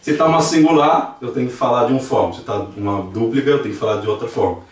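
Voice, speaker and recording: A man with a Brazilian Portuguese accent teaches a language class in a church classroom, speaking fast in a medium-pitched voice. He patiently explains and repeats examples aloud, and the distant mic captures an echoey room.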